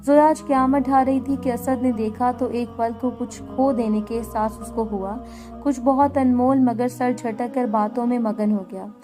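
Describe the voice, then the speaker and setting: A woman narrating an emotional romance story in a steady, dramatic reading. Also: fairly high pitch. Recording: faint background music.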